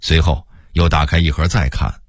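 A man in his sixties from Beijing with a Beijing accent, telling a story in a relaxed, chatty way for radio. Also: rumbling low, moderate pace, no echo, clean studio sound.

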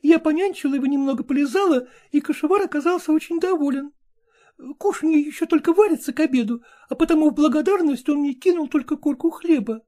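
A woman's voice: high voice, fast, warm tone, voice pushed up, close to an everyday voice. A woman voicing a cheeky female stray dog in an audiobook, chattering in a coquettish, wheedling way. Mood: coquettish teasing. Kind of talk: audiobook character voice.

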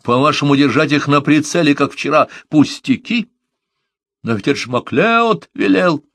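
A man's voice: on the high side, steady tone, normal speed, no echo, voice pushed up, close to an everyday voice. A man voicing a fretful, rambling old man with a quavering, plaintive voice in an audiobook. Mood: agitated.

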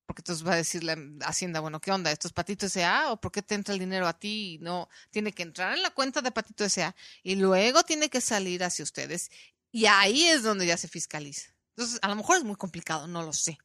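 Woman, Mexican accent, podcast host, lively storytelling, bright forceful voice, dry close sound. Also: mid-range voice, fast talker, no echo. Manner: animated storytelling, acting out quoted voices. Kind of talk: casual chat.

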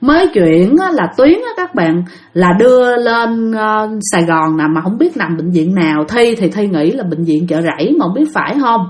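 A woman's voice: mid-range voice, animated, normal speed. A woman retelling spooky stories in a chatty way, often addressing the listeners directly. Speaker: storyteller.

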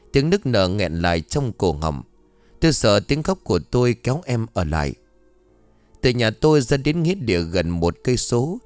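A man narrating a ghost story in a somber, expressive storytelling manner. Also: on the low side, dry recording. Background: faint music.

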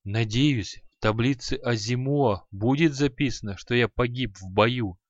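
A man's voice: mid-range voice, measured pace, dry recording, natural voice. A man voicing a grumpy, spiteful dead old sorcerer who mutters and scoffs at his pupil, on a dull, dry audiobook recording. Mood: worried. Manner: grumbling, scornful, muttering.

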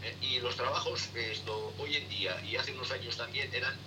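A middle-aged man, a sailing instructor, answering interview questions in a halting way, full of fillers and tag questions. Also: medium pitch, steady tone. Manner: halting, many fillers and repeated "¿eh?". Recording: distant noisy remote line.

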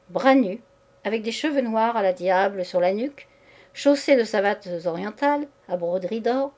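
Woman reader, literary short story, measured expressive narration. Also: mid-range voice.

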